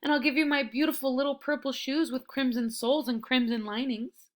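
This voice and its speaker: Brief: small storybook boy, high and pleading, clever under pressure; woman reader. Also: fairly even intonation, a little fast, natural voice. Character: small clever boy, frightened but quick-witted.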